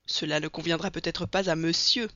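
A reader voicing a brash, loud American colonel. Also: medium pitch, moderate pace, no room sound. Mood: scornful. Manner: loud and scornful. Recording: dull, dry recording.

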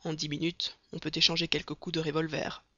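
A reader voicing a brash, insolent American colonel with a loud, scornful delivery, in a dull, dry recording. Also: mid-range voice, flat delivery, brisk, no echo.

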